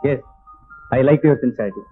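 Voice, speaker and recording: An actor playing a kindly company boss who is firm and clipped, mixing in English, in a 1970s film. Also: male voice, mid-range voice, very slow. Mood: persuading. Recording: tinny lo-fi old film soundtrack with faint music.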